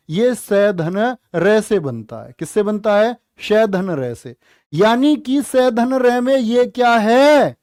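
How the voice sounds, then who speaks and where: A man teaching a live online exam-prep class, joking with students and stretching words out slowly. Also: high-pitched, a little mellow, no room sound, clean studio sound. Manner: playful, teasing, drawn-out spelling of words. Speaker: Hindi teacher.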